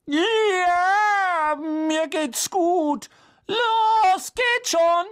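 A shrill teenage girl, very high, tearful, pleading, audiobook. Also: drawn-out words, a bit bright, exaggerated voice. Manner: whiny and pleading. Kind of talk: audiobook reading.

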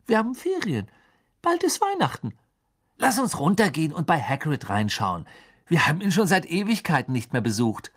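A man voicing a nervous teenage schoolboy in an audiobook, talking hurriedly, with a husky voice. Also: fairly high pitch, wildly swooping pitch, a bit bright, voice pushed up, exaggerated voice. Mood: eager. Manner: hurried, eager. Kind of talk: audiobook character voice.

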